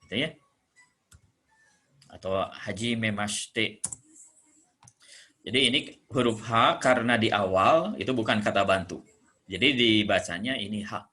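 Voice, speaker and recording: A man from Indonesia teaching Japanese greetings, patiently explaining and slowly repeating each phrase. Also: lowish voice, pushed and bright, husky. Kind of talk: classroom explanation.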